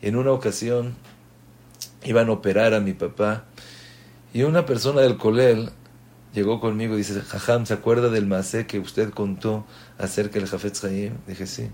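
A man, a rabbi giving a lesson, retelling stories and acting out the quotes. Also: fairly low pitch. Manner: slow, animated retelling with voiced quotes. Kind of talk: Torah lesson storytelling.

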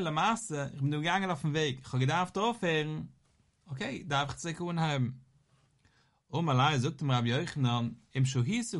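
A man giving a Talmud lesson, talking quickly in a rising and falling study chant. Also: fairly high pitch. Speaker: Talmud teacher.

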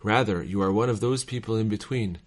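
Here a reader of devotional texts voices letters in a somewhat low register. The delivery is formal and measured, moving at the steady pace of devotional reading.

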